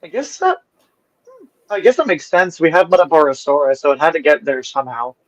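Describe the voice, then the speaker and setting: A man from Wales, co-hosting a casual chat and teasing quickly. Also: a little high, dry recording, highs cut off. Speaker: co-host.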